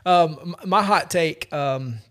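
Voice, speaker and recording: A man in his forties hosting a casual podcast chat, telling stories with a self-deprecating, animated manner. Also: on the high side, takes it slowly. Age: 40s. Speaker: podcast host.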